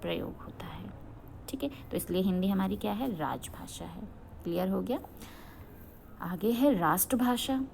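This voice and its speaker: A woman's voice: mid-range voice, animated, normal speed, gravelly, darkish tone, a little hiss or hum. A young adult woman from Uttarakhand teaching a grammar lesson, asking questions and answering them herself, often checking that students follow. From Uttarakhand, India.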